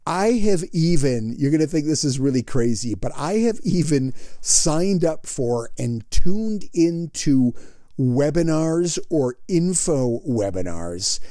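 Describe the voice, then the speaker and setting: A man hosts his podcast lying in bed, his gravelly early-morning voice sitting a touch higher than most men's yet dark and mellow in tone. He talks slowly and drawn out, building from drowsy musing into bursts of enthusiasm. The sound is close and dry, with no room echo. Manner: shifts from sleepy to rising enthusiasm. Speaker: podcast host. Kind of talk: solo motivational podcast talk.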